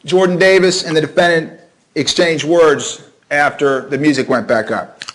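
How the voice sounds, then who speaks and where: A man's voice: fairly high pitch, moderate pace, a bit bright. A man questioning a witness as a prosecutor in a formal, methodical way, in a courtroom recording.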